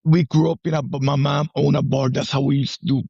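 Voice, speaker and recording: Heard in a dry, lo-fi recording, this Puerto Rican army veteran in his forties talks as a podcast guest in an easygoing personal way. His mid-range voice barely moves in pitch and sounds creaky, dark and husky, while he halts, repeats words and keeps saying "right?".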